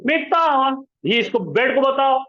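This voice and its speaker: A man's voice: high voice, expressive, unhurried, fairly bright tone. A male teacher, leading a classroom lesson and coaxing students to repeat words aloud. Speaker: Arabic grammar teacher. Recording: roomy, dull lo-fi sound.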